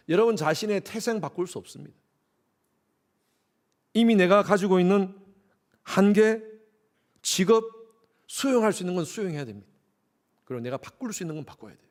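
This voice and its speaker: Korean pastor with a Gyeongsang accent. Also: male voice, high-pitched, vocal fry. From Gyeongsang, South Korea. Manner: emphatic, rises to loud exhortation. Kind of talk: sermon.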